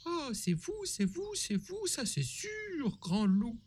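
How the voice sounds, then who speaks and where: Man doing a squeaky little girl. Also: wildly swooping pitch, slow pace, a little mellow, heavily acted. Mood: flattering. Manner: high, sweet, eager to please. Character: timid flattering little girl.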